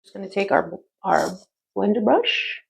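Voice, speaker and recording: Fifty-something mom doing her makeup on camera, lots of ums, bit of vocal fry. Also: mid-range voice, expressive, unhurried. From United States. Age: 50s. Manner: chatty, rambling, many ums. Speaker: beauty vlogger. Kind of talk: casual makeup tutorial chat.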